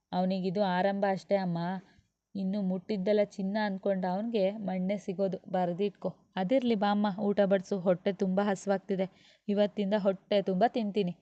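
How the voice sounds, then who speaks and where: A woman's voice: medium pitch, warm tone, no room sound, highs cut off, lightly acted. A woman voicing a defiant young woman lecturer who talks sharply and scornfully.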